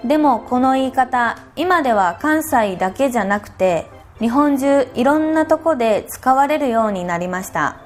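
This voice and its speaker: A woman teaching a language lesson in a gentle, encouraging way, acting out short example dialogues. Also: high voice, expressive, normal speed, faint music behind. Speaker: Japanese teacher. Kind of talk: scripted podcast lesson.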